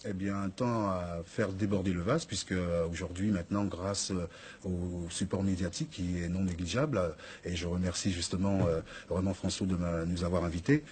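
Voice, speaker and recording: A man's voice: deep voice, steady tone, moderate pace, a little mellow, a little hiss or hum. A man speaking as an association's guest in a studio interview, explaining hesitantly with many fillers.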